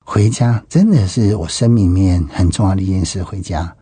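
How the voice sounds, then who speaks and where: A middle-aged man with a Taiwanese Mandarin accent recounts his life in an emphatic testimony, full of exclamations and repeated phrases. His voice is dark and husky, and it sounds dry and close with little room sound. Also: sits low, brisk, no room sound. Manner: emphatic, with frequent exclamations and repetitions. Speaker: interviewee giving personal testimony. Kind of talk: personal testimony storytelling.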